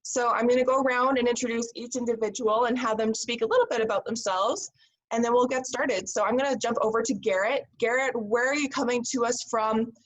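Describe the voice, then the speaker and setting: A woman's voice: fairly high pitch, steady tone, brisk, low-quality recording. Upbeat Canadian woman moderating a panel. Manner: upbeat, encouraging. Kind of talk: panel discussion on a video call.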